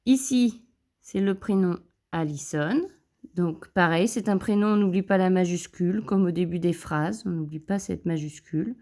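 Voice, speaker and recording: A woman teacher giving a slow handwriting lesson to young pupils, counting each stroke aloud, filmed on her phone at a desk. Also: on the low side, dark tone. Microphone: phone camera.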